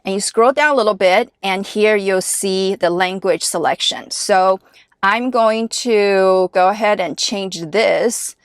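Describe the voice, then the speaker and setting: Woman from Taiwan, first language chinese, car vlogger talking slowly through settings, dry close sound. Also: mid-range voice, clear, resonant tone, no echo. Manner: chatty and explanatory, walking viewers through steps. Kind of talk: casual vlog narration. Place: inside her car.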